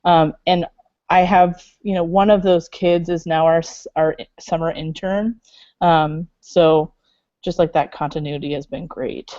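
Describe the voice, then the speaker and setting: A woman speaking on a video call in a lowish voice, chatty and loose, full of little fillers and asides. The sound is dull and lo-fi, with a dry, close feel. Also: steady tone, a little slow, warm tone, no room sound. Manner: chatty, many fillers, laughs. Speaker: library makerspace staff member. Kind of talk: casual video call interview.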